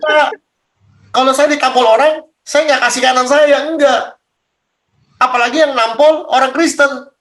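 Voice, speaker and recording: A man's voice: very high-pitched, steady tone, normal speed, a bit bright. A man as a pastor leading a Bible study, talking bluntly and casually, firing rhetorical questions at his listeners.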